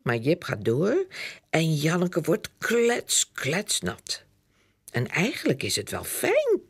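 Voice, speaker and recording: A woman reads a children's picture-book story aloud, slow and unhurried, her voice rising and falling very lively. It sits a little low and sounds slightly husky. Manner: slow, expressive, very animated.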